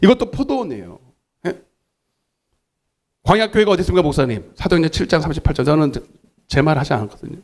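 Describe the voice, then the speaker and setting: A man preaching in a church sanctuary with a fairly high voice. He is emphatic and swings his pitch up and down. He calls out for the congregation's responses. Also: very animated, fast, long pauses, darkish tone. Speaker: pastor. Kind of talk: sermon.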